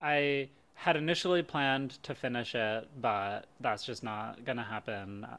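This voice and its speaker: A young man co-hosting a casual podcast. He talks in halting bursts, full of fillers and restarts, and he laughs often. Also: mid-range voice, a bit bright. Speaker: podcast co-host. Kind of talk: casual chat.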